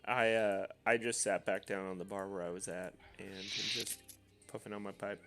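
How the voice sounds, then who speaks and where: Deep, gravelly male player. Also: level tone, a bit bright, soft background music. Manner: halting, with hesitant fillers. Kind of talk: casual game chat.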